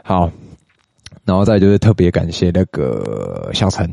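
Young taiwanese guy rambling on his podcast, deep mellow voice, close dry mic. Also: measured pace, vocal fry, dry recording. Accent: Taiwanese Mandarin. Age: young adult. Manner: chatty, animated when retelling, mixes in English words and Taiwanese swearing. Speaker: podcast host. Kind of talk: casual solo podcast storytelling.

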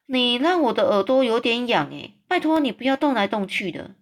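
A woman voicing a huge, gentle, friendly male giant in a storybook read-aloud, talking in a raised, fussy, complaining tone. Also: fairly high pitch, expressive, fairly quick, pitched above the performer's own voice, lightly acted.

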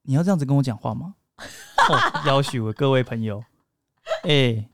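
A man's voice: medium pitch, lively intonation, normal speed, very noisy. A young man co-hosting a casual chat, joking and rambling with frequent laughs. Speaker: podcast co-host.

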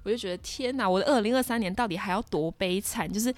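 Fast-talking young Taiwanese woman telling a story. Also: medium pitch, no echo. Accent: Taiwanese Mandarin. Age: 20s. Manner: dramatic, exclaiming, lots of fillers. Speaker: podcast host. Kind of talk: casual storytelling monologue.

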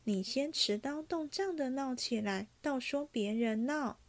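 A woman voicing a sensible young noblewoman who reasons gently and persuasively. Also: sits high, unhurried. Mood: coaxing. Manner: soft, reasoning, coaxing.

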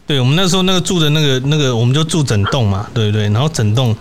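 A young man hosts a casual podcast and tells old college stories. His pitch sits in an ordinary middle range. He rambles, restarts his sentences and checks in with little tag questions, and a faint hiss runs under his voice. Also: very fast. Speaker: podcast host. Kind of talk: casual storytelling chat.

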